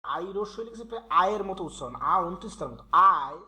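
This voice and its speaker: Male tutor, high bright voice, patient letter-by-letter drilling. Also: animated, racing. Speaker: English teacher. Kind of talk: Bengali-language grammar tutorial.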